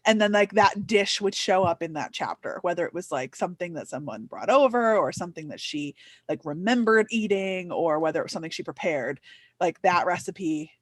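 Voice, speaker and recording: A woman's voice: on the low side, expressive, a little fast, no room sound, studio quality. A young woman hosting a casual book chat, talking with lots of fillers and putting on playful voices when quoting. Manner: chatty, many "like" fillers, playful quoted voices. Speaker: booktuber host.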